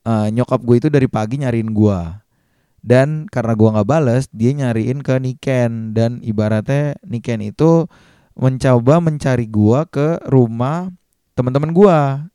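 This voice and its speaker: A man's voice: medium pitch, smooth, no echo, studio quality. A man, telling a personal story casually and acting out the dialogue. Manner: lively slangy retelling, acts out quotes in a raised voice. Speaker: vlogger.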